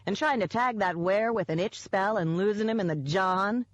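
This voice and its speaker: Tiny cheeky quick-tempered pixie guy, voiced by a woman, teasing, high and bright. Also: no echo, close to an everyday voice. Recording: dull, dry audiobook recording.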